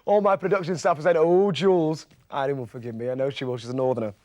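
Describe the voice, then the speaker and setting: A man's voice: medium pitch, expressive, rapid-fire, no echo. A man presenting on a shopping channel, with teasing, jokey live sales patter. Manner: playful, teasing, mimics voices. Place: TV studio.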